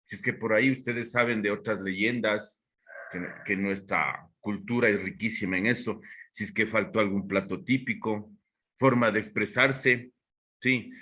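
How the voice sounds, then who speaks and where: Bright-voiced male teacher. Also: on the low side, fairly even intonation, normal speed. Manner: explaining, checking understanding with questions. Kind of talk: giving class instructions.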